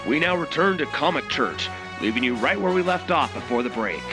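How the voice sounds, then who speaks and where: A man announcing the show's return and introducing its hosts in a loud, hyped style. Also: on the high side, animated, fairly quick. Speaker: show announcer. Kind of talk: show intro bumper. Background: music.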